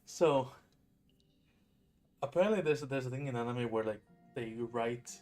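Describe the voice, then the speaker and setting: A man's voice: medium pitch, moderate pace, a little mellow, faint music behind. A man chatting casually as a guest on a stream, giggly and rambling. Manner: giggly, rambling, easily amused. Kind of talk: casual chat.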